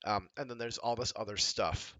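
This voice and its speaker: A man co-hosting a coding livestream in a casual, halting way with many ums, speaking into a headset mic. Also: fairly low pitch, pushed and bright, no echo. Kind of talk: casual live coding chat.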